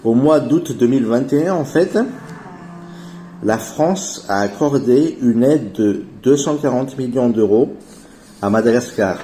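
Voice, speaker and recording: A man in his forties giving an earnest, persuasive investment pitch as voice-over narration, addressing his viewers as family. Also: unhurried, mellow, slight background noise. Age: 40s. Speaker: channel host pitching an investment project.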